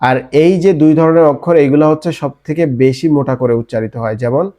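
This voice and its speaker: A man's voice: fairly high pitch, fast talker, warm tone. A man from Bangladesh teaching an online Quran recitation class in Bengali-accented speech, drilling letter sounds and answering his own questions.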